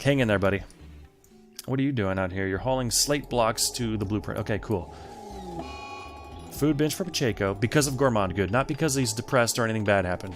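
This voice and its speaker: A man hosting a let's play, thinking aloud and chatting casually to the game's characters as he plays. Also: lowish voice. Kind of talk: casual gameplay commentary. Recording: faint game music behind.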